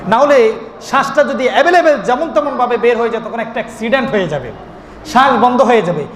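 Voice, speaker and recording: High-voiced preacher in an echoey hall. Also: male voice, lively intonation, a bit bright. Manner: chanting drawn-out calls mid-sermon; asks the crowd questions and answers them himself. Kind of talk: sermon. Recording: echoey hall recording with faint noise.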